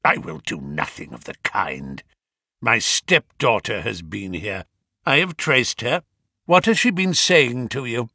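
A man's voice: medium pitch, animated, unhurried, sharp tone, slightly rough, no room sound, clean studio sound, heavily acted. Old brute of a villain played by a man: irate, threatening, snarly, very dynamic delivery for an audiobook. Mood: furious. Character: furious, menacing, huge old male villain, a doctor.

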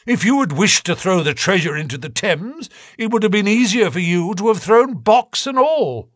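A man reads aloud in a very animated way at normal speed, voicing a stern, angry male police detective in a high-sitting voice pitched above his own. The recording is studio quality, with no room sound.

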